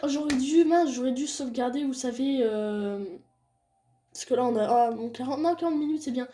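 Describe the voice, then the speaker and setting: A woman's voice: normal speed, heavy background noise. A young woman reading a visual novel aloud and chatting casually about the game as she plays. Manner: reads game dialogue in a soft low voice, chats loudly and excitedly between scenes. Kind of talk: casual let's-play commentary.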